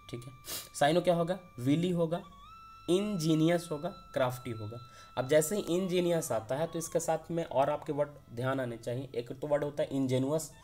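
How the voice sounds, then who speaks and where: Man, vocabulary teacher, asks and answers his own questions, slightly high voice. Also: darkish tone. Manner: explains by asking himself questions and answering them. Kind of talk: exam vocabulary lesson.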